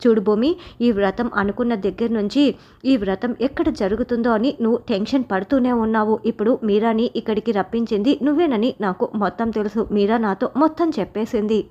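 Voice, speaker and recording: A stern elder relative, as a woman narrator puts her on, firm and warning. Her voice sits highish. The audio is dull and lo-fi. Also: brisk, mellow, natural voice.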